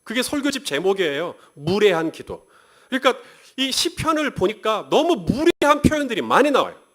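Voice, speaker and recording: A male pastor preaching a sermon, speaking conversationally, asking the congregation rhetorical questions and reading scripture aloud slowly. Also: sits high, sing-song, a bit bright. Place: church sanctuary.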